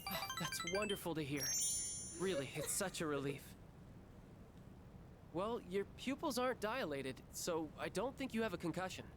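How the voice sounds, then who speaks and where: An earnest, caring schoolboy as a video game character. He speaks sincerely and expressively, quick to blame himself, with game music clearly playing behind him. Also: high voice, animated. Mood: worried, relieved. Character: earnest, caring, self-blaming teenage schoolboy. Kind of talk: scripted English game voice acting.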